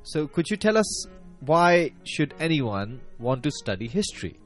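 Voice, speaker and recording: A man's voice: fairly high pitch, very animated, unhurried, fairly bright tone, faint music behind. A man hosting an interview show, asking his guest questions in a polite, inquiring way. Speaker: host. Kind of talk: formal interview.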